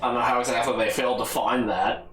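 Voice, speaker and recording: A man's voice: medium pitch, steady tone, quick pace, a bit bright, echoey room, faint music behind, rough recording. A man giving casual, rambling gameplay commentary with a wry humor, often correcting himself. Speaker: let's play host.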